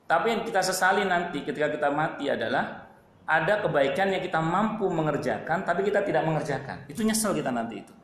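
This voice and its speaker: A man's voice: fairly high pitch, animated, fast talker, slight background noise. A man with an East Javanese accent preaching a sermon in a conversational way, repeating phrases and addressing his listeners directly. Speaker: Islamic preacher. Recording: echoey hall with faint ambience.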